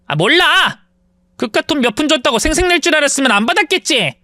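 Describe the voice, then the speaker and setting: A reader voicing a spoiled, defiant young sister-in-law who taunts and yells back. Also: female voice, sits high, expressive, quick pace, no echo, studio quality, pitched above the performer's own voice.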